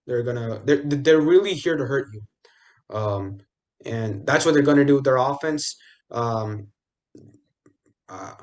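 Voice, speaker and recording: A young man co-hosting a casual sports podcast, talking loosely with lots of fillers, restarts and jokey asides. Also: mid-range voice. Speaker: podcast co-host.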